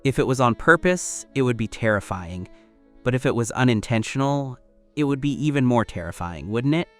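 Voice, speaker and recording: A man narrating a story recap in first person, in a steady scripted storytelling read. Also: medium pitch, normal speed, faint music behind.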